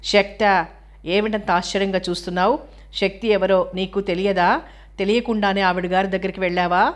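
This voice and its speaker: A woman's voice: medium pitch, flat delivery, a little fast, natural voice. A woman voicing a sulky, jealous young girl in an audiobook reading of a novel.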